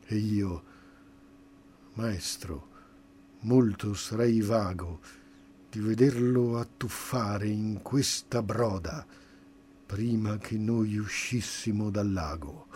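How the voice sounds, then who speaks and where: Very slow, solemn male poetry reader. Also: on the low side, a little mellow, slight background noise. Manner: solemn, declaiming, rising in intensity at dramatic moments. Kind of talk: dramatic poetry recitation.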